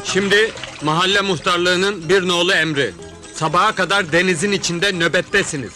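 A brash, bossy neighborhood tough. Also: male voice, sits high, moderate pace, pushed and bright. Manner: bossy, rough, mocking commands. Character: brash bossy street-smart man, cocky joker. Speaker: neighborhood tough turned headman candidate. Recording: old film soundtrack with music.

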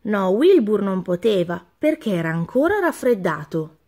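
A woman reading a children's picture book aloud with expressive, sing-song narration. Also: mid-range voice, normal speed, noisy background. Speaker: children's story reader.

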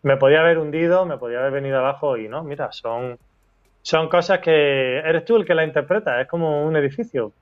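A man guest in a casual interview, telling a story with lively quoted dialogue and laughter. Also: fairly high pitch, a little fast, lo-fi sound.

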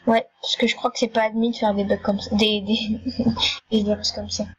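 A woman giving casual, chatty commentary while playing an online game, excitable and prone to stammering and repeating herself. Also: mid-range voice, moderate pace, breathy edge, dull audio. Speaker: gaming YouTuber.

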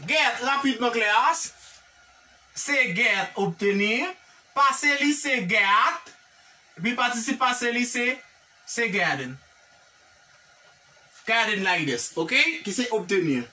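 Slow, bright-voiced Haitian teacher off-mic. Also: medium pitch, expressive, distant mic. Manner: drills examples slowly, checks in with "ok?" and "classe". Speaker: English teacher. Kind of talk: classroom grammar lesson.

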